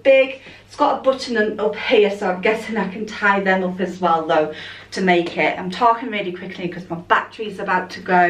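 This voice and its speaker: A woman's voice: mid-range voice, a bit bright, recorded from a distance. A woman chatting casually through a clothing try-on haul, rambling and thinking aloud as a fashion vlogger. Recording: echoey room, voice a bit off-mic.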